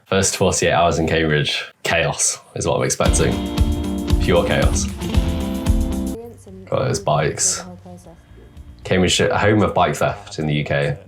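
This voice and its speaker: Music plays behind a young man with a bass voice as he hosts a reaction video. He comments casually and sarcastically, talking back at the clips with quick asides.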